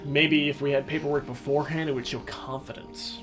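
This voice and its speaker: A man playing a tabletop game, making dry, deadpan remarks. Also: a little high, fairly quick, music in the background. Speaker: player. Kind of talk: casual tabletop play.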